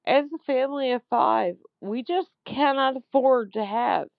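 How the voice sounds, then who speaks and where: Lady leaving a slow fed-up voicemail, dull lo-fi phone sound, dry and close. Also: a little high, no room sound. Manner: slow, emphatic, indignant, repeats words for stress. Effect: leaving a voicemail over a phone line. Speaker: caller leaving a voicemail for a politician. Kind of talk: angry complaint message.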